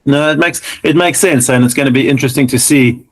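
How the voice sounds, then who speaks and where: A man's voice: mid-range voice, fast, poor audio. A man hosting a casual podcast interview, chatty and agreeable with his guest. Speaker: podcast host.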